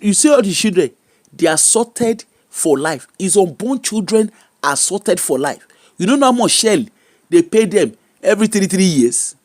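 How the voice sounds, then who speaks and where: A man's voice: high voice, no room sound, clean studio sound. A man with a Yoruba-influenced Nigerian accent speaking Pidgin in an informal, emphatic rant, repeating phrases and throwing out mocking rhetorical questions.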